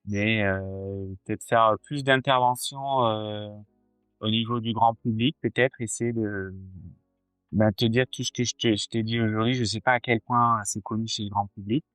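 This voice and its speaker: A man in his forties talks as a cardiologist guest in a relaxed interview. His voice sits somewhat low, and he hesitates often, filling gaps and restarting his sentences. The sound is close and dry, with faint music in the background. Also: normal speed, clear, resonant tone, no room sound. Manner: hesitant, many fillers and restarts. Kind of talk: casual interview chat.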